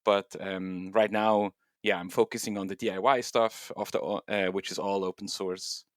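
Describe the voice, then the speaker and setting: Low-voiced man, dry sound. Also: steady tone, moderate pace, no room sound. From Switzerland. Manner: thoughtful, loose phrasing with many fillers. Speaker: guest, software engineer and home miner. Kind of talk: casual interview talk.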